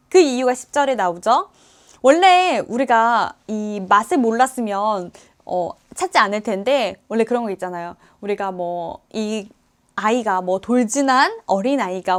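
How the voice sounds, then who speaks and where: High-voiced woman preaching to children. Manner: asks the children lively questions while retelling a Bible story. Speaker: junior pastor. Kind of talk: children's sermon.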